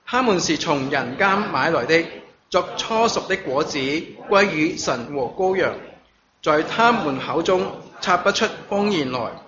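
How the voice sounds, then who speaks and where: A man preaching a sermon, reading scripture in a measured way and using halting fillers when he speaks freely, at a church service that is also streamed online. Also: a little high, animated, crowd noise. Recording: dull lo-fi recording with congregation noise.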